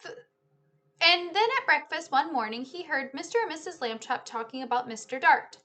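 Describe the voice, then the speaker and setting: Speaking in a high, animated, bright and forceful voice at ordinary speed, a teacher-style host in her thirties reads a picture book to children. She explains as she goes, talks to her listeners like friends, and is indoors at home in a small living room or office.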